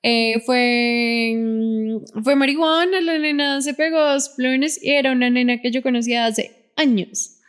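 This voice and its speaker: A woman's voice: high voice, measured pace, smooth. A woman from Colombia with a Bogotá accent, co-hosting a podcast and telling stories with laughter in a casual chat. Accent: Colombian Spanish, Bogotá. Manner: laughing storyteller, animated anecdotes. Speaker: podcast co-host.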